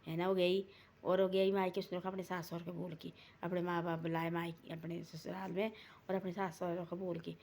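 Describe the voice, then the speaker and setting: Speaking a little fast, this woman has a fairly low, gravelly voice that is a touch mellow and stays level. Her family folk story wanders and loops back on itself, with the characters' lines performed aloud.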